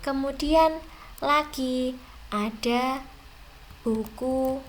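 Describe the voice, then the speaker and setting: Here the young woman's voice is high-pitched, with a little hiss or hum behind it. Teaching an exam review, she addresses students directly and speaks slowly, stretching her stressed words.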